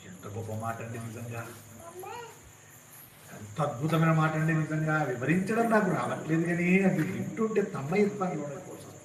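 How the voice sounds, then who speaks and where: A man's voice: fairly high pitch, lively intonation, brisk, echoey room, background noise. A man giving an impassioned devotional sermon, repeating rhetorical questions. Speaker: religious discourse speaker.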